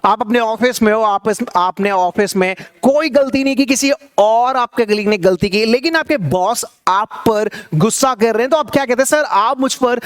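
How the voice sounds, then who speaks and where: High-voiced man drilling English phrases. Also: smooth. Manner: drills phrases slowly, repeating them for learners to echo; quick conversational explanations between drills. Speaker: English teacher. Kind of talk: spoken English lesson.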